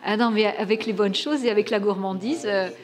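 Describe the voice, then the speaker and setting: A woman moderating a conference panel in a brisk, enthusiastic way, handing the floor to speakers. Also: medium pitch, crowd noise, background noise.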